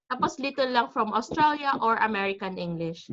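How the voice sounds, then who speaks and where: A woman's voice: on the high side, animated, normal speed, fairly bright tone, muffled recording, slight background noise. A Filipino woman teaching an IELTS class over a video call, chatty, switching between Tagalog and English and often checking in with "di ba?". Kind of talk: online class lecture.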